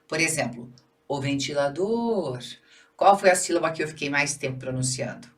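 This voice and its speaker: A Brazilian woman teaches Portuguese grammar for a public exam, explaining step by step, checking in with "tá bom?" and "certo?", and stretching syllables to show word stress. Her voice is deep and a bit bright, she talks fast, and she's recorded from a distance.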